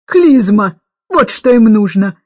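Domineering older governess, loud and slow, barks every order, put on by a woman narrator. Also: medium pitch, big pitch swings, slightly rough, no room sound, highs cut off, exaggerated voice. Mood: scolding.

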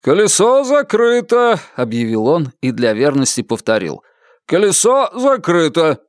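A fussy, nervous fairground stall owner, high and strained, who keeps protesting, as a man puts him on in a storybook reading. His voice climbs well above an ordinary man's, and he sounds flustered and put upon. The recording is dry and close. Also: wildly swooping pitch, unhurried, no echo. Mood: stern.

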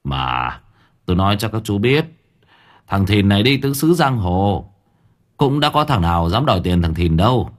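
A man's voice: on the low side, very animated, normal speed. A man voicing a cocky, swaggering middle-aged gang boss who laughs mockingly.

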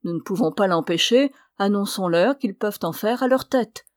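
A woman voicing a torn, impulsive young man who speaks in a louder, urgent, pleading way, in a dry recording. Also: medium pitch, moderate pace, dry recording, close to an everyday voice.

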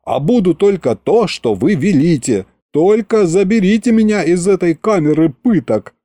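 A man's voice: high voice, animated, moderate pace, dark tone, no room sound, voice pushed up. A man voicing a whiny, melodramatic young man who wails and pleads. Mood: pleading. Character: whiny young male clerk Fedor, hero.

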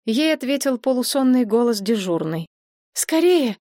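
A woman reads an audiobook in an even, measured way, mid-pitched for her sex. The recording is dry and close, with no room sound. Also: no echo. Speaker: audiobook narrator. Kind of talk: scripted audiobook narration.

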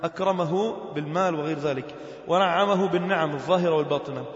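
Animated preacher in an echoey hall. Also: male voice, a little high, fast. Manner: animated, shifts between formal Arabic and dialect, chants Quran verses. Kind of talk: sermon. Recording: roomy, echoey hall, dull lo-fi sound.

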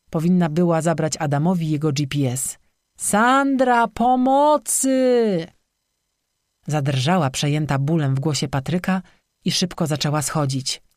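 An audiobook narrator reads a dark tale at a steady, measured pace. The voice sits at a middle pitch and is recorded close and dry, with no room around it. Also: no room sound.

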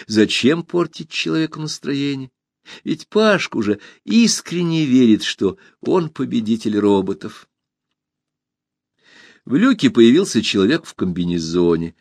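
A man narrating a children's storybook in a calm, even reading voice. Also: medium pitch, dry recording, clean studio sound.

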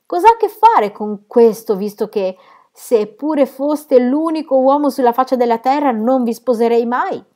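A woman voicing a sharp, emotional young woman in a read-aloud novel, speaking in loud, high exclamations. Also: very animated, normal speed, few pauses. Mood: indignant.

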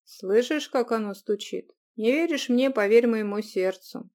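Woman reading as a cocky young man in an audiobook, loud, gruff teasing, mellow tone. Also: fairly high pitch, a little slow, close to an everyday voice. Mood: worried. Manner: brash, mock-gruff, loud. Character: teasing, bossy young man, tired and sore.

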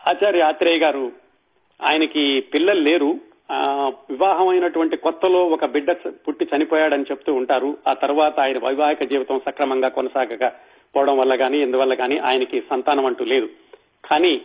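A man hosting an audio talk show, slowly reciting film song lyrics and then explaining them. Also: mid-range voice, husky. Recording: tinny phone-like audio.

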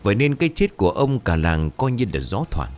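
A man reading a ghost story aloud as a scripted narration, dramatic and expressive. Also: on the low side, a little fast.

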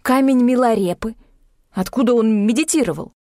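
A woman reading an audiobook, voicing an eager, excitable young man obsessed with mountains. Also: a little high, moderate pace, dry recording, studio quality, lightly acted. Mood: excited. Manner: eager, pleading and loud. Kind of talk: audiobook character voice.

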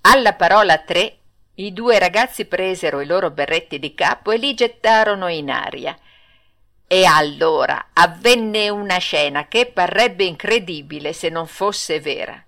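A woman narrating a classic children's story for an audiobook, with expressive, dramatic storytelling. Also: on the low side, a little slow. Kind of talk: storybook reading.

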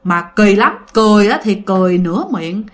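A woman's voice: medium pitch, moderate pace. A woman telling a ghost story in a chatty way, addressing listeners directly. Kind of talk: casual ghost story narration.

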